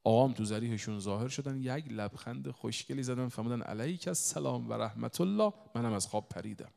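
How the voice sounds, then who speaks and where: Gravelly male preacher in an echoey hall. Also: medium pitch. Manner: swells from soft storytelling to loud emotional appeals. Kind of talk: religious sermon with recited poetry.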